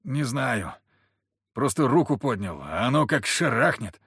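A man's voice: mid-range voice, very animated, a little slow, a bit bright, slightly rough, no echo, clean studio sound, full character voice. A man voicing an older, rattled shopkeeper who speaks in folksy, grumbling phrases.

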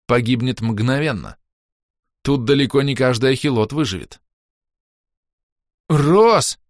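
A man's voice: medium pitch, no echo, studio quality. A man narrating a fantasy audiobook expressively, acting out the dialogue.

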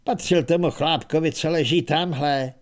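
Man doing a calm, polite old lady fighter. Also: fairly high pitch, lightly acted. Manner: polite, calmly matter-of-fact. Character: calm, tough old woman knitter, unflappable.

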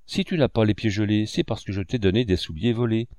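A tough young street thief who is quick to anger and talks with harsh scorn, as a man reads him aloud. The voice sits low and the sound is dry and close, like a storybook audiobook. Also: a little mellow, no echo, close to an everyday voice. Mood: scornful. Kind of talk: audiobook reading.

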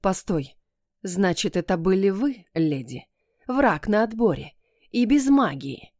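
A woman's voice: medium pitch, expressive, unhurried, darkish tone, dry recording, clean studio sound. A woman voicing a cunning, dangerous female fairy in an audiobook, with a cool, taunting manner. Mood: mocking.

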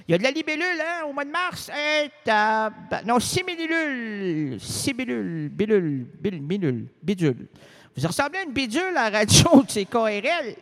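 A man's voice: extremely high pitch, sing-song, normal speed, fairly bright tone, pitched above the performer's own voice, heavily acted. A man playing a rambling, bumbling Quebec cop. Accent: Quebec French. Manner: rambling, stumbling over words, mangling names. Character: bumbling rambling male small-town police officer. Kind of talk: comedic radio sketch monologue.

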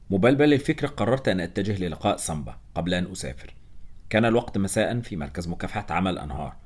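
Man, audiobook narrator, very low voice, fast reading, steady and measured.

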